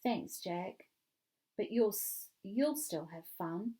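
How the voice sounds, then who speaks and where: A woman voicing a young girl sick in bed in a children's read-along, gentle and wistful. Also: mid-range voice, lively intonation, slow. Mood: gentle teasing.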